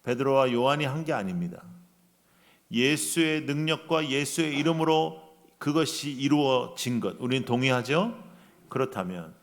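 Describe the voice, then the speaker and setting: A man preaching a revival sermon in a church, acting out voices in his story and shifting between loud outbursts and hushed lines. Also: medium pitch, expressive, normal speed. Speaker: guest preacher. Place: church sanctuary.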